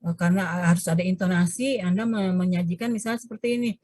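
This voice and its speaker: A woman lecturer teaching an online class over a video call. She explains at length with many hesitations and self-corrections, and changes her pitch to act out examples. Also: quick pace, no echo. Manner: animated, shifts pitch to demonstrate examples. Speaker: university lecturer.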